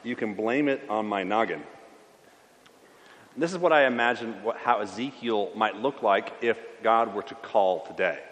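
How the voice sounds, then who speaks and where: A man preaching a sermon in a church, telling a story in an earnest, plain way and letting his voice drop softly at the ends of phrases. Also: on the low side, moderate pace. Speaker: pastor. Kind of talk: sermon with first-person storytelling. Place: church sanctuary. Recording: long church reverb.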